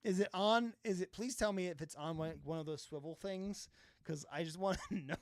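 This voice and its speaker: Here a filmmaker streams his color grading live, speaking in a high-pitched, brisk voice with a darkish tone. The sound is clean studio audio without echo. His casual talk rambles along, heavy on fillers, often broken by laughter and the occasional swear word.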